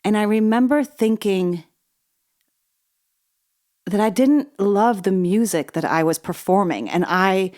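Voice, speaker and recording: A woman's voice: mid-range voice, slow, long pauses, darkish tone. A woman hosting her own podcast, telling a personal story in a chatty, self-deprecating way that wanders off on tangents, slightly wheezy from asthma. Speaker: podcast host.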